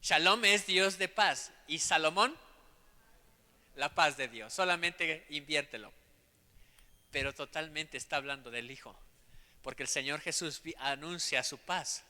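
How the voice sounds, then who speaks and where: A man preaching a sermon as pastor, swelling into loud passages full of questions to the congregation and then dropping to soft asides. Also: fairly high pitch, unhurried. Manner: drops to a soft aside tone between shouted passages. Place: church sanctuary. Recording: long church hall reverb.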